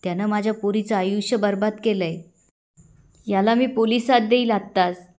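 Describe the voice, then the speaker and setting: A woman's voice: medium pitch, fairly even intonation, normal speed, darkish tone, lightly acted. A woman reading the lines of a furious, protective middle-aged father who threatens the man who wronged his daughter.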